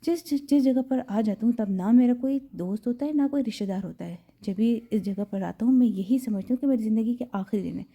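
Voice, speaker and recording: A woman's voice: a little high, hardly any pauses, mellow. A woman voicing a possessive, hot-tempered young gang boss. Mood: menacing. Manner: harsh, threatening outbursts. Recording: slightly dull lo-fi recording.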